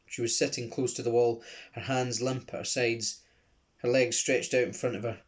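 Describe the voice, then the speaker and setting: Man, Glasgow accent, storybook reading, expressive, chatty, mid-pitched. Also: normal speed. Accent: Scottish (Glasgow). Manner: expressive, chatty asides after the chapter. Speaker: reader of a children's book.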